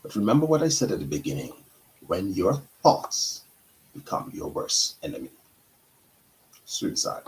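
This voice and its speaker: A middle-aged man from Guyana, a counselor hosting a talk show, speaking in a slow, deliberate monologue with pauses and self-corrections. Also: sits low, very animated, a little mellow, low-quality recording.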